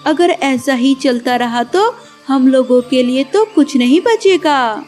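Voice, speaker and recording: A woman's voice: high voice, lively intonation, slow pace, darkish tone, faint music behind. A woman voicing a jealous young female bird in a cartoon, complaining urgently.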